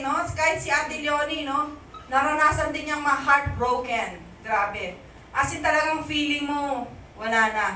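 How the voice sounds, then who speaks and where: A woman's voice: high-pitched, sharp tone, a little hiss or hum. A Filipino woman pastor giving a conversational sermon, often asking the congregation "amen?", recorded in an echoey church hall from a distance.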